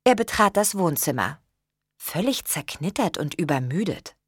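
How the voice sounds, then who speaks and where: A woman calmly reading a first-person novel as an audiobook narrator. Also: fairly low pitch, normal speed, breathy edge, no room sound, studio quality.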